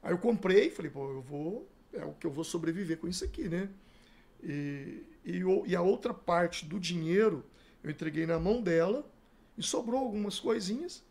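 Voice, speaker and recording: Middle-aged man from Brazil, pastor in an interview; raised pitch, gravelly fry, acts out every exchange. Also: moderate pace. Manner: animated storyteller acting out dialogue. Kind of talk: telling his life story in a podcast interview.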